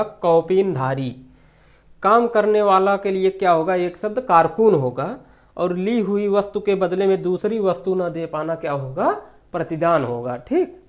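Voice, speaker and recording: A man's voice: high voice, darkish tone. A man teaching an exam-prep grammar lesson, asking questions and answering them himself, repeating the key terms.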